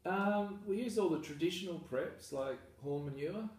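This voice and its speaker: Australian male farmer, relaxed self-deprecating interviewee, distant mic in a very echoey space. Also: high voice, moderate pace. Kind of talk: casual interview. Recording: echoey room, mic far off, faint noise.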